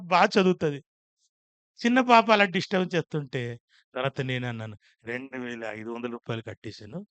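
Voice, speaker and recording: A man with a Telugu accent, a pastor telling a testimony in a sermon, moving from quiet storytelling to loud preaching. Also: medium pitch, no echo. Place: church gathering.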